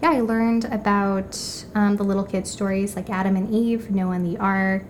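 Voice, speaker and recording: A woman with a mid-pitched voice talks as a podcast guest. She tells her own story casually in halting phrases, with faint noise behind her. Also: fairly even intonation, a little mellow.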